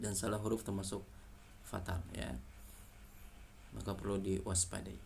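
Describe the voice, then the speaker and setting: A man with an Indonesian accent teaching Quran recitation, patiently correcting letter sounds and chanting verses slowly. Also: fairly low pitch, level tone, vocal fry, darkish tone, slight background noise. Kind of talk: tajwid lesson with slow chanted recitation.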